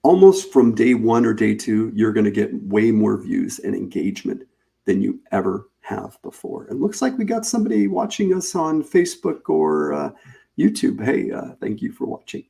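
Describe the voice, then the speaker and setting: Gravelly, mellow-voiced man pitching a webinar. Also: sing-song, normal speed. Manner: conversational, repeats and restarts, folksy pitch. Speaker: webinar host. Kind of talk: live webinar sales pitch.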